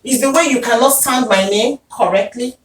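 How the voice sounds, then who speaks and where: A woman's voice: a little high, moderate pace. A woman with a Nigerian accent hosting a casual group discussion, speaking earnestly with frequent fillers. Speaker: host. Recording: echoey room, distant mic, faint noise.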